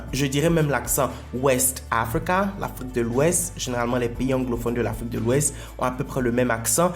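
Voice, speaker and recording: A man explaining an English lesson in French, patient and repeating his points for emphasis. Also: a little high. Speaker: English teacher.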